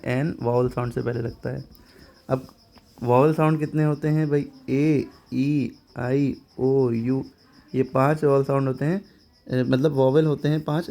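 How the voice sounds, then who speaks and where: A man teaching English grammar in Hindi. He explains each point step by step, keeps asking if it is clear, and reads the English example sentences slowly. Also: fairly high pitch, mellow. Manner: explains step by step, often checks understanding with questions.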